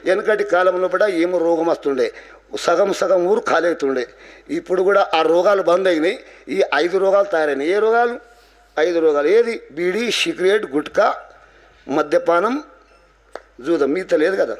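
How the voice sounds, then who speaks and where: A male devotional preacher with a Telangana accent and a high voice. Earnest and exhorting. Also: normal speed. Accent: Telangana Telugu. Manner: earnest, exhorting, rhetorical questions. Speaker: kirtan preacher. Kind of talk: devotional sermon with storytelling.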